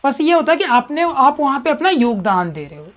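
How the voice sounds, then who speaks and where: High-voiced woman teaching grammar. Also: very animated, a little fast, lo-fi sound. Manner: questioning, checks understanding often. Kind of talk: classroom grammar lesson.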